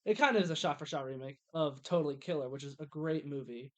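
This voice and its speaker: A man's voice: on the high side, quick pace. A young man co-hosting a podcast, chatting about movies eagerly and tripping over his words. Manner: enthusiastic, stumbling restarts. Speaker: podcast co-host. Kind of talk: casual movie review chat.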